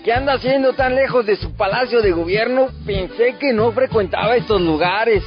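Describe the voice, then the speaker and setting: A man's voice: sits high, moderate pace, faint music behind, close to an everyday voice. A man doing a sassy, gossipy Mexican sketch host. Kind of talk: radio comedy sketch. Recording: lo-fi radio broadcast.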